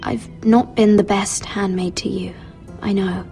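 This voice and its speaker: An actress playing a guarded, deferential young handmaiden in a video game drama, keeping herself controlled. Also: female voice, medium pitch, steady tone, unhurried, gravelly, warm tone, soft background music. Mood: subdued. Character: guarded, self-possessed young handmaiden to a noble lady.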